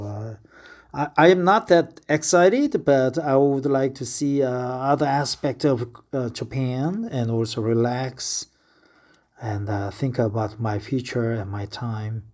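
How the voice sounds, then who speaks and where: A Korean man in his fifties, a native speaker with a Korean accent, records a casual spoken diary as a vlogger and also reads aloud. He hesitates a lot and uses many filler sounds. His voice is mid-range with a darkish tone.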